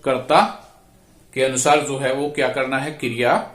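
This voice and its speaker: A man's voice: medium pitch, fairly even intonation, normal speed, fairly bright tone. A man teaching Sanskrit grammar, drawing out each word and repeating verb forms aloud. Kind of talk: slow classroom explanation. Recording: echoey room, voice from a distance.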